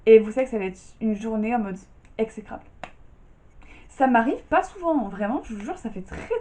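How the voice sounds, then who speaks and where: Young female vlogger, slightly high, tired, rambling and slangy, at home. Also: a little mellow. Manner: chatty, slangy, full of fillers. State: tired and just out of bed. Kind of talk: casual chat. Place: her bedroom at home.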